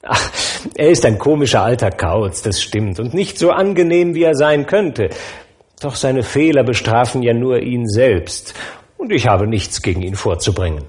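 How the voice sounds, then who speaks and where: A man reading aloud, voicing a cheerful, good-natured young nephew at a holiday dinner with a warm, emphatic manner. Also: mid-range voice, lively intonation, normal speed, natural voice.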